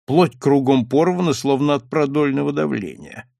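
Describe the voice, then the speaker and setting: Man reading male doctor, calm, precise, gravelly, dry close sound. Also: mid-range voice, no echo, natural voice. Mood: explaining. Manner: measured explanatory reading.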